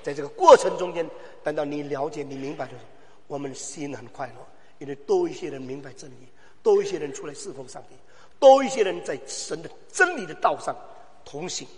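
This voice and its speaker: A man preaching a sermon as pastor, swinging from low, quiet asides to loud, shouted exhortation with rhetorical questions. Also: animated, fairly quick. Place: church hall. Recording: long hall reverb.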